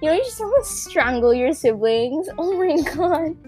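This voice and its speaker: A young woman with a Filipino accent chats casually and tells a story, her voice sitting high and lifting sharply whenever she acts out what someone else said. She fills her talk with "like" and keeps it animated from start to finish. Faint music plays in the background. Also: moderate pace. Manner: animated, acts out quoted people, many fillers.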